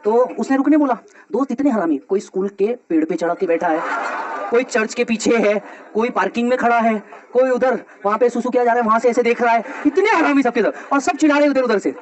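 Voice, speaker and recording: A male teacher telling a personal story to his students in a lively, slangy way with frequent laughs. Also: very high voice, a little fast. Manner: animated, slangy, laughs often.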